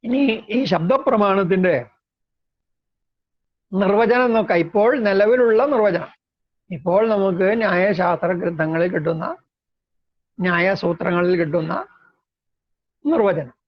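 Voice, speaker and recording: A man lecturing on philosophy in a slow, measured way, explaining terms step by step. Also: high voice. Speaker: lecturer on Indian logic. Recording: dull lo-fi recording.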